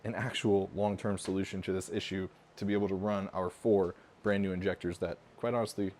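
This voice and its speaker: A man's voice: low voice, fairly even intonation, brisk, a little mellow, a little hiss or hum. A man hosting a casual car repair vlog, chatty and upbeat, talking straight to his viewers. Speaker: car channel host.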